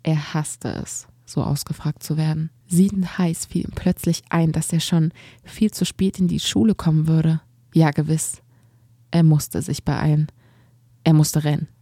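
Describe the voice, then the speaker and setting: A woman reading a story aloud as the audiobook narrator, calm and measured. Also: deep voice, no room sound, clean studio sound.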